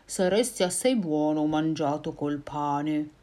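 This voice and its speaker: A woman voicing a big, hungry, slow-witted male monster in a storybook reading, speaking slowly and gruffly. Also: deep voice, mellow, voice pushed down.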